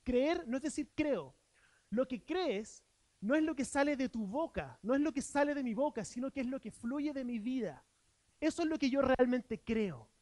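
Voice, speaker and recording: A man's voice: very high voice, expressive, moderate pace, darkish tone, no echo. A man with a Chilean Spanish accent preaching a sermon as pastor, earnest, asking rhetorical questions and voicing imagined objections from listeners. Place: church.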